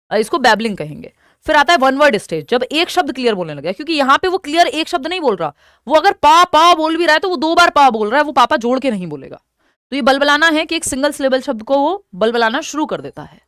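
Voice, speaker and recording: A young woman with an Indian accent gives an exam-prep lecture in a fairly high voice. She repeats each key term slowly and keeps asking questions that she answers herself. The sound is close and dry, with no room around it. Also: a bit bright, no room sound. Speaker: teacher.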